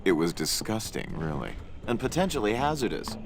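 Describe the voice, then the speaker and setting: An actor playing a polite, officious cannibal islander in a comic adventure game, speaking deadpan like a tour guide. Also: male voice, lowish voice, brisk, over music. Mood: earnest storytelling. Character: civil, polite male cannibal islander villager with modern tastes.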